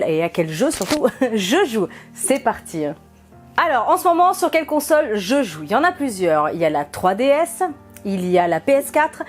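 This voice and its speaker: Chatty young woman gaming vlogger. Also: on the high side. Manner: chatty and enthusiastic, giggles often. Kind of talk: casual vlog chat.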